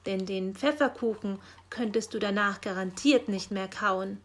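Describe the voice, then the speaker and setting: A woman voicing a lively, caring female helper in an emphatic, high-pitched manner in a storybook reading. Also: unhurried, lightly acted. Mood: teasing.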